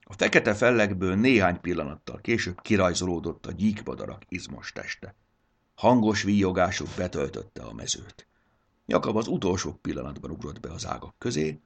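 A man reading a children's fantasy story aloud with expressive narration. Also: sits low, vocal fry, slightly rough.

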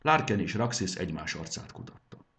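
A man narrating a children's fantasy audiobook with expressive storytelling. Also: deep voice, a little hiss or hum.

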